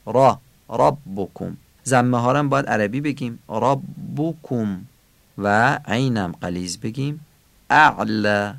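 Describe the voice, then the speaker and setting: Gravelly-voiced man teaching Quran recitation. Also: fairly low pitch, no echo. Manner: explains pronunciation rules, then says example words slowly and drawn out.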